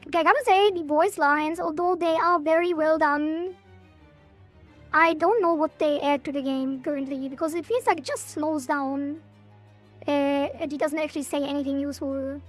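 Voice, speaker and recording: High-voiced woman streaming a game. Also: fairly even intonation, moderate pace, soft background music. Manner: thinking aloud. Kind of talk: casual gameplay commentary, reading game text aloud.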